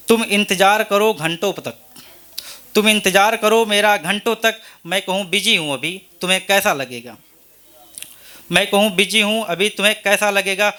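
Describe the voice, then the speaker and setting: A man's voice: high-pitched, bright, forceful tone. A man at an open mic reciting a long, repetitive poem line by line, with a Hindi accent. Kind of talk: reciting poetry. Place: open mic event venue.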